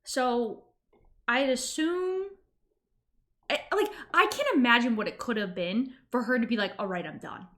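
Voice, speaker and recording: Female streamer, high bright voice, informal animated reaction talk. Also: unhurried. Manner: animated, informal, emphatic retelling with quoted reactions. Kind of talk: casual reaction chat.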